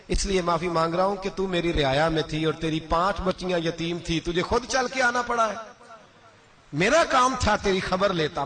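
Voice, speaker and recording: A man's voice: a little high, fairly bright tone. A male preacher telling a story in a sermon, passionate and climbing sharply at emotional points.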